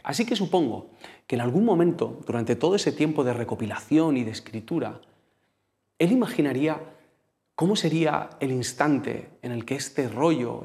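A man's voice: mid-range voice, darkish tone. A man with a Spain Spanish accent preaching a sermon in a conversational, storytelling way, speaking directly to the congregation.

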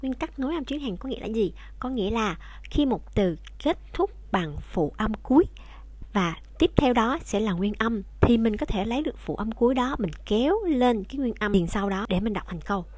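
Higher-pitched woman teaching a language lesson. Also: expressive, moderate pace, darkish tone, dry recording. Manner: patient, explanatory, addresses viewers directly.

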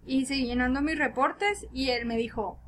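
Mexican woman, high voice, laughing podcast co-host, crude animated storyteller. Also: normal speed, slight background noise. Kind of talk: casual storytelling.

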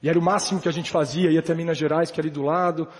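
A man's voice: a little high, fairly even intonation, racing, in a large hall. A man from Brazil giving a live motivational talk to an audience at a business event, emphatic and conversational, full of slangy asides. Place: large hall with a live audience.

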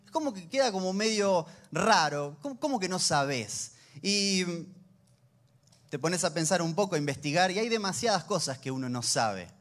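A man's voice: sits high, animated, moderate pace, fairly bright tone. A man, preaching a sermon in a conversational, humorous storytelling manner. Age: 30s. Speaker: pastor.

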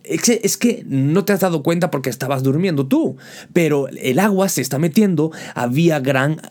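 A man's voice: mid-range voice, a little mellow, lightly acted. A man voicing frightened male disciples in a storm-tossed boat, firing off exasperated, pleading questions at their master.

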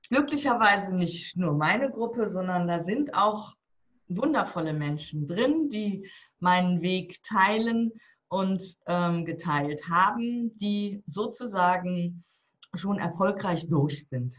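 Slightly dull lo-fi audio captures a woman nearing 60 with a lowish, animated voice and a slow delivery. Interviewed casually as a guest, the divorce coach and author talks about her coaching with bluntness and humor.

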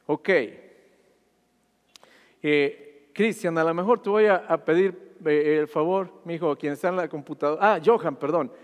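A man's voice: on the high side, measured pace. A man preaching a sermon, retelling a Bible passage and often checking with the congregation. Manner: asks the congregation "¿sí?" constantly, retelling scripture with rising fervor. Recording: long hall reverb.

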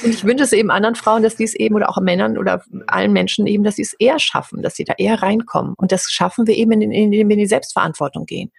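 A middle-aged woman speaking as an interview guest, earnest and animated, who sometimes acts out the voices of other people. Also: medium pitch, rapid-fire, gravelly, few pauses, husky, no echo. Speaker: interview guest, hypnosis practitioner. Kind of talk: candid conversational interview.

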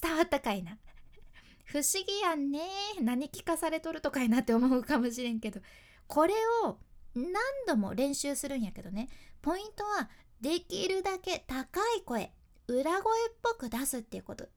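A woman's voice: sits high, animated, normal speed. A woman with a Hakata accent, hosting a radio voice lesson and explaining step by step in a chatty, friendly way. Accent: Hakata dialect. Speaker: radio host and voice coach.

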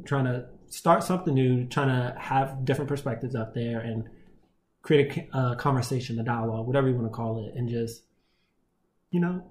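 A man in his twenties co-hosting a podcast, chatting in an animated, joking way. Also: mid-range voice. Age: 20s. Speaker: podcast co-host. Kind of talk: casual chat. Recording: echoey room, faint background noise.

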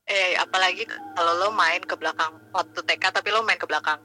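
A woman calling in over the phone, telling a personal ghost story in a halting casual way. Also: lowish voice, fairly even intonation, pushed and bright, a little hiss or hum, poor audio. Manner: halting, searching for words. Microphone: phone call.

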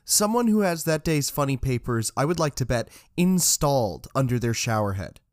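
A man's voice: mid-range voice, expressive, moderate pace, no room sound, close to an everyday voice. A man voicing a witty young woman student with dry, wry quips.

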